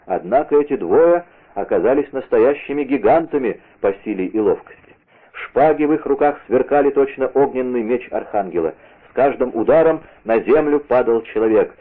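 A man's voice: mid-range voice, expressive, moderate pace. A man narrating an adventure novel in a vivid, theatrical reading. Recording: tinny lo-fi radio broadcast.

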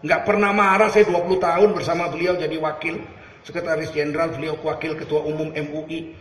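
A middle-aged man from Medan preaching a humorous sermon, telling lively stories and acting out little scenes. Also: on the high side, fairly quick, echoey room. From Medan, Indonesia. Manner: animated storytelling with acted voices.

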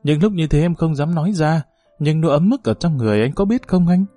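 A man's voice: a little high, expressive, a little fast, warm tone, dry recording, faint music behind, natural voice. A man reading the part of a passionate young village woman, pleading and intimate in a story.

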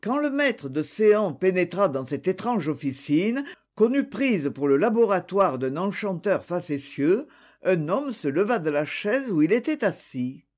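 An audiobook narrator reads a detective novel in a theatrical, expressive way. The pitch moves a great deal from line to line. The pace stays slow and deliberate.

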